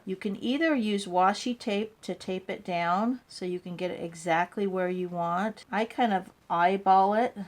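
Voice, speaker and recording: A woman's voice: lowish voice, a little hiss or hum. A woman demonstrating card making step by step, talking casually with small fillers as she works. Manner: step-by-step instructing while working, casual with fillers. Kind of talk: hands-on craft tutorial.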